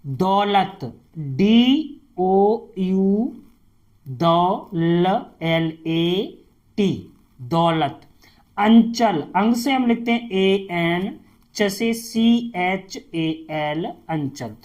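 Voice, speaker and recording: A woman teacher, spelling out names letter by letter in a slow, deliberate lesson. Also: medium pitch, lively intonation, darkish tone.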